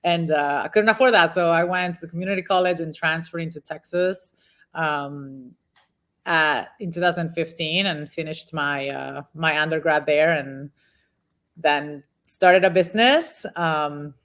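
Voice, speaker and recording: A Venezuelan woman in her thirties, once a professional volleyball player, recounts her story in a casual interview full of ums and restarts. Her voice is low and unhurried, with a fairly bright tone.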